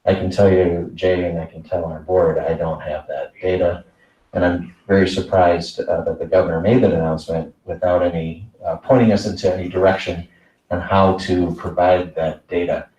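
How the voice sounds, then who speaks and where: A man, a school superintendent presenting a report at a board meeting, measured and full of fillers. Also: deep voice, little pitch movement, mellow. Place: meeting room. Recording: echoey room, voice from a distance.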